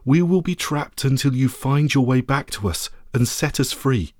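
A man's voice: mid-range voice, expressive, normal speed, a little mellow, no echo, clean studio sound, close to an everyday voice. A man voicing a regal, commanding Lady of Light. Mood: solemn. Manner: solemn, ceremonial and commanding. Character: regal commanding woman, radiant ruler of light. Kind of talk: storybook reading.

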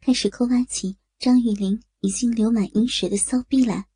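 A woman telling an audio story in steady, even narration. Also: fairly high pitch, moderate pace, breathy edge.

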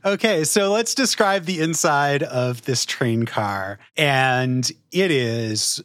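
A man narrating as game master for a tabletop game, setting scenes in an easy, conversational voice. His speech comes across dry and close to the mic, with a mid-range pitch. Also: slow, no echo. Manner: relaxed, casual, fillers while describing.

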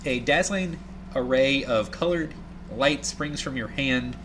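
A man's voice: mid-range voice, slow, a bit bright, a little hiss or hum. Easygoing male game master. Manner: easygoing, laughs often. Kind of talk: running a tabletop game.

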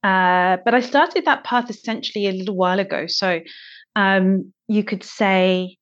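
A woman's voice: medium pitch, unhurried. Slightly dull-sounding woman chatting as guest. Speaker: podcast guest. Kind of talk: casual interview chat.

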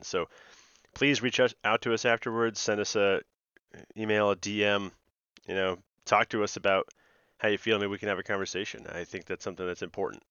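A man hosting a podcast, giving a quick friendly intro straight to the listeners. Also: on the low side, fairly bright tone, clear, resonant tone, dry recording, dull audio. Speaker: podcast host.

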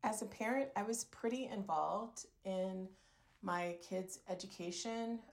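A woman's voice: medium pitch, unhurried, gravelly. A woman in her fifties from California, a guest mother, speaking earnestly. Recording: roomy echo.

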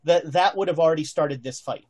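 A man improvising narration as game master of a tabletop game, thinking aloud in halting phrases. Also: fairly high pitch, a crowd in the background.

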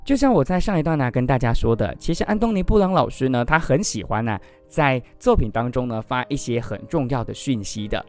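A man telling a picture-book story aloud with animated, expressive delivery and then discussing it. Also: medium pitch, a little fast, hardly any pauses, soft background music.

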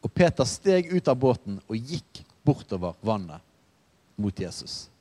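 A man preaching a sermon in a relaxed, conversational way, telling stories with asides. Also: on the low side. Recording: reverberant hall.

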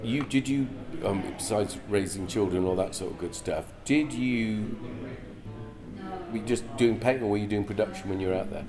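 A man chats casually as an interviewer, putting questions and short reactions to his guest. His voice is fairly low, with clear crowd noise around him. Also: moderate pace. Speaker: podcast host. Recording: crowd chatter behind.

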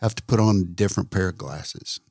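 A man hosting a casual faith talk, repeating words for emphasis like a preacher and slowing down on key points. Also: low-pitched, a little mellow, no room sound, studio quality. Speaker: podcast host.

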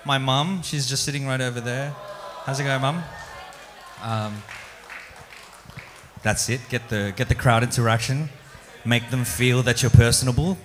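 A young stand-up comedian from the Philippines, raised in Australia, performs live at a venue with an audience, using a stage microphone. He's loose and self-deprecating, stumbling and restarting as he goes, in a mid-range, slightly bright voice.

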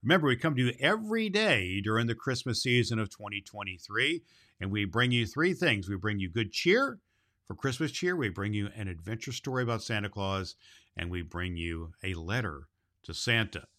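A man with a lowish, expressive voice plays a jolly, kindly Santa Claus hosting a children's storytelling show, speaking to boys and girls in a cheery, folksy way. He talks at a moderate pace with a bright, forceful tone.

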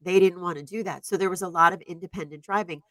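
A woman in her forties co-hosting a podcast, telling stories in an animated, casual way and laughing often. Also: fairly low pitch, quick pace, dry recording. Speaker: podcast co-host. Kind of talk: casual chat. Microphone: podcast microphone.

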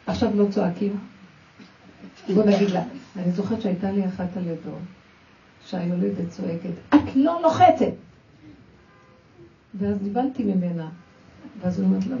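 A woman's voice: mid-range voice, mellow, a little hiss or hum. A woman teaching a spoken religious lesson, telling personal stories and acting out quoted dialogue as she talks straight to her listeners. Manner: storytelling, acts out quoted dialogue, addresses listeners directly. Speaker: religious women's class teacher. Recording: dull, roomy recording from a distance.

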